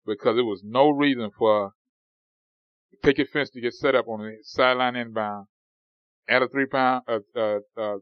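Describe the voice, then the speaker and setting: A man's voice: mid-range voice, dry recording, dull audio. A man co-hosting a casual sports podcast, rambling with many fillers and restarts. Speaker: podcast co-host.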